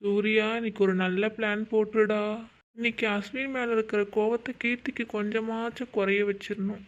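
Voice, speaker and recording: A man's voice: high-pitched, little pitch movement, moderate pace, a bit bright, dull audio. A man voicing a bossy older brother in a cartoon, ordering his sister around and plotting a plan. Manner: bossy, commanding. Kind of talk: cartoon voice acting.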